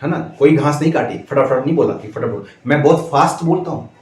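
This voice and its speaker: A male schoolteacher telling viewers a story in a measured, deliberate way, with steady pauses, addressing them as friends. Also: a little high, roomy sound. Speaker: schoolteacher and channel host.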